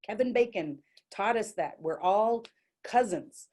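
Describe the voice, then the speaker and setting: On stage alone, a middle-aged woman from Dallas, Texas, delivers a humorous storytelling monologue about her own life. Her voice is mid-range and darkish in tone, with lively intonation and an unhurried pace, and she chats along self-mockingly, peppering it with "likes" and restarts.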